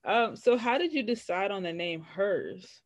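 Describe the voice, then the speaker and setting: A woman's voice: medium pitch, lively intonation, a little slow, no echo. A woman hosting a podcast, introducing her guest and affirming her answers. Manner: encouraging, affirming. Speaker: podcast host. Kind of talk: podcast interview.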